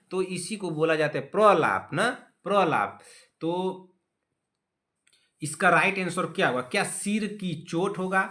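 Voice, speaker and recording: Young male tutor, bright and slightly high voice, scolds and teases his class, repeats key words. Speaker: teacher. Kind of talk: online exam-prep class.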